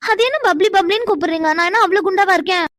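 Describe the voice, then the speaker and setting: A very high, quick voice for a fretful young cartoon wife who gets flustered and stammers when teased, played by a woman. The sound is close and dry. She exclaims and protests often. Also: a bit bright, no echo. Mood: shy, protesting. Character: young flustered wife, shy and easily embarrassed. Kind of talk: animated cartoon voice acting.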